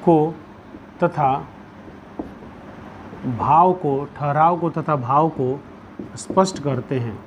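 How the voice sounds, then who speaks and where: A man teaching a Hindi grammar lesson. He dictates notes slowly, repeats each phrase and puts questions to the pupils. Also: a little high. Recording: dull lo-fi sound with faint background noise.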